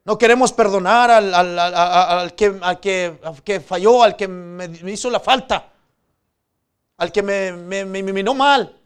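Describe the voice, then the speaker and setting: A man preaching a sermon, swinging from loud pleading to low quiet asides and calling the congregation "brothers". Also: a little slow, clear, resonant tone. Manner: addresses the congregation as "hermanos" often; acts out quoted pleas in a raised voice.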